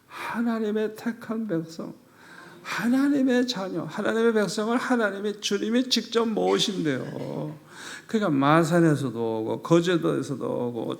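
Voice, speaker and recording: An older male pastor delivers a revival sermon in a gravelly voice. He tells his stories with animation and acts out the prayers and dialogue he quotes. His pitch sits a little high for a man.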